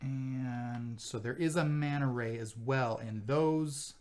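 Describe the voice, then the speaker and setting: A man walks viewers through a board game as he plays, in a relaxed, conversational way. He explains each rule patiently and step by step, checking in with his co-player as he goes. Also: mid-range voice, slow pace. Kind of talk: casual board game playthrough commentary.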